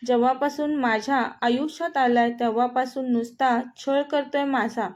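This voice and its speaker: Storybook role: a furious, tearful young wife, read by a woman with a high voice. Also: fairly even intonation, moderate pace, darkish tone, close to an everyday voice. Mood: bitter. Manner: bitter, complaining. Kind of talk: storybook reading.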